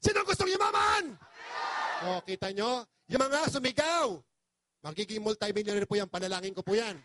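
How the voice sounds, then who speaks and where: A man's voice: sits high, brisk, background noise. A man from the Philippines giving an impassioned, pleading testimonial to an audience as a business presenter, very polite and emotional.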